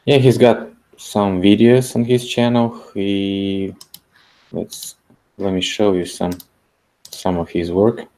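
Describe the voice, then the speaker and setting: Deep-voiced man hosting a stream. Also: flat delivery, dark tone. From Russia. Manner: halting, with slightly broken English. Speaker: host. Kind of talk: live stream chat.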